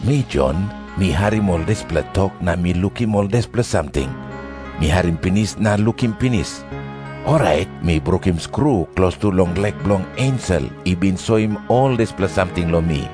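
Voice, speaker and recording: A man's voice: sits low, expressive, normal speed. A man with a Papua New Guinean accent gives a scripted narration of scripture, with music behind him.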